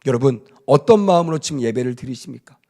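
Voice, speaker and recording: A man's voice: medium pitch, animated, fast talker, a little mellow. A male pastor preaching a Good Friday sermon, emphatic, with rhetorical questions and call-and-response with the congregation.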